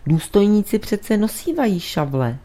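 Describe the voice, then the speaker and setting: In a storybook reading, a woman voices a big, blunt man who grumbles and scoffs. His retorts come gruff and impatient, lifted somewhat above her deep narrating tone. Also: sing-song, warm tone, natural voice. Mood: scoffing. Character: burly blunt male companion, skeptical and impatient.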